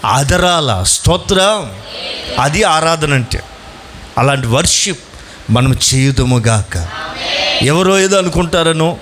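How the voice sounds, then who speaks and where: A fervent man delivers a Sunday sermon in a fairly high voice, firing questions at his congregation and waiting for replies. He stretches key phrases slowly, then races through asides. A faint hum of the room sits behind him. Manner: asks the congregation questions and urges answers; swings between slow emphatic lines and fast asides. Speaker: pastor.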